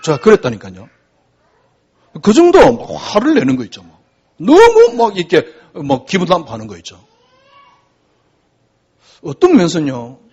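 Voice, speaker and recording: A man preaching a sermon, talking to the congregation in a conversational way and asking many rhetorical questions. His voice sits high and swings widely in pitch, with a husky edge. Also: huge pitch swings, normal speed, pauses often, dark tone, dull audio. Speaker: pastor.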